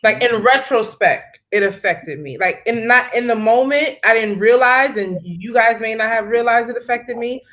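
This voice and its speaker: Lively young woman hosting a live chat. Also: a little high, moderate pace, hardly any pauses. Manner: animated, laughs often. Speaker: host. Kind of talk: live online conversation.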